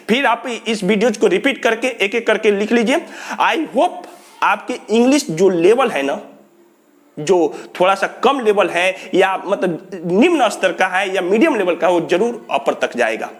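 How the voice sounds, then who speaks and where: A man's voice: sits high, a bit bright. A young man teaching spoken English in a video lesson, drilling phrases by repeating them and chuckling often. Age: young adult.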